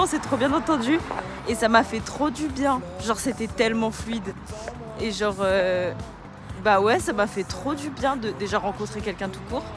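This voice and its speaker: A young woman from France chatting casually into her phone in a slangy, animated vlog, laughing often. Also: medium pitch. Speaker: vlogger.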